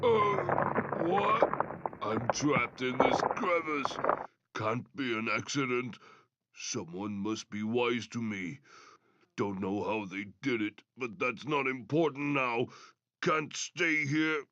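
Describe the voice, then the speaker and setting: Guy voicing a big wary brute hiding out, slow short sentences, noisy sound. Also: medium pitch, lightly acted. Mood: alarmed. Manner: terse, clipped sentences. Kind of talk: animated superhero comic voice acting. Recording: dull, noisy sound with clicks.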